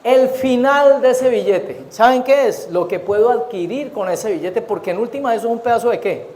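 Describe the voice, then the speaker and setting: A man's voice: extremely high pitch, moderate pace, a little mellow. A Colombian man preaching a sermon as pastor, often asking the congregation questions and waiting for their answers. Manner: asks the congregation rhetorical questions. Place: church. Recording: echoey church hall.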